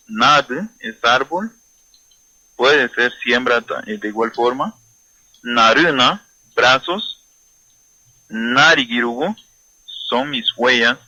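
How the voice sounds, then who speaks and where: A man teaching a vocabulary lesson, saying each word slowly and repeating it for pronunciation drill. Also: medium pitch, sharp tone, no echo, muffled recording. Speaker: language teacher.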